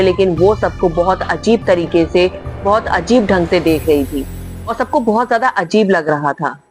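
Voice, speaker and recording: A woman narrating a spooky horror story in a dramatic, emphatic way, often stressing how very scary things were. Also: mid-range voice. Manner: dramatic, repeats "very much" for emphasis. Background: faint music.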